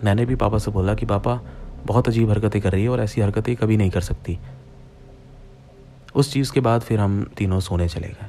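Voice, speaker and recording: A man's voice: lowish voice, moderate pace, warm tone, a little hiss or hum. A young man narrating a true-style horror story in the first person, speaking directly to his listeners as friends in a plain retelling voice.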